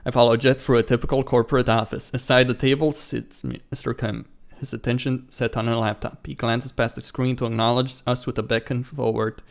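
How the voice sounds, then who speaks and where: With game music in the background, this male let's play host reads through a visual novel, voicing the dialogue and tossing in casual remarks and mild curses. He speaks fairly quickly in a flat, creaky, mid-range voice, with few pauses.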